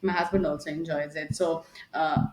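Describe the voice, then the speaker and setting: A woman's voice: low-pitched, normal speed, background noise. Chatty Indian woman on an echoey call. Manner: chatty, animated, drops into Hindi asides. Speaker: guest. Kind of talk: casual conversational interview. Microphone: video call.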